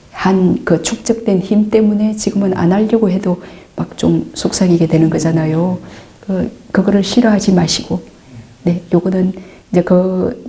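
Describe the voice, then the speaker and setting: A middle-aged woman, a Buddhist nun, patiently answering meditation questions, calm and repetitive, sometimes dropping into soft asides. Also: on the low side. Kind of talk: dharma Q&A teaching.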